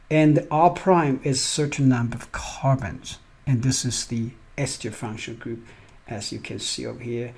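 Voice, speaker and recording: Husky-voiced man giving a chemistry lecture. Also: mid-range voice, darkish tone. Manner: explains step by step, often asks "right?". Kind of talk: recorded lecture over slides.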